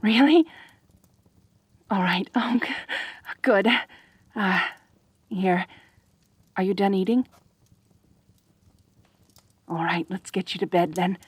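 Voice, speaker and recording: In an intimate, one-sided ASMR roleplay drama, a woman voices a centaur girl who is lonely and possessive yet tender underneath, sounding gentle and caring. She speaks unhurriedly, hesitantly and earnestly, stammering pleading phrases in a medium-pitched, slightly rough voice. The sound is dry and close, with no room echo.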